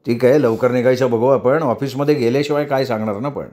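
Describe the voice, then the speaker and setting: A male storyteller voicing a bossy middle-aged boss who talks in a gruff, growling way. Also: mid-range voice, fast, a little mellow, close to an everyday voice.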